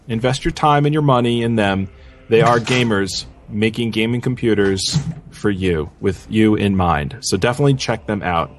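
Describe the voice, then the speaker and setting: A man co-hosting a podcast in a casual, conversational style. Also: medium pitch. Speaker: podcast co-host.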